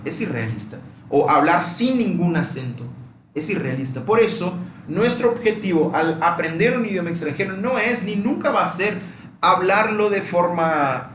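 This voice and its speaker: A man's voice: fairly high pitch, a little hiss or hum. Man teaching in a roomy space. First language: Portuguese. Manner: didactic, repeats key points, rhetorical checks like "¿ok?". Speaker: language teacher. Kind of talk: explanatory language lesson. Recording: roomy echo.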